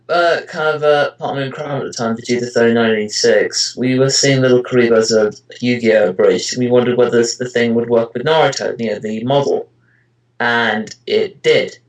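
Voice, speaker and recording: Answering interview questions in a casual chat, an amateur voice actor and web parody creator rambles hesitantly, his speech thick with "you know" and "kind of." His voice sits in the mid range, and the recording is low quality.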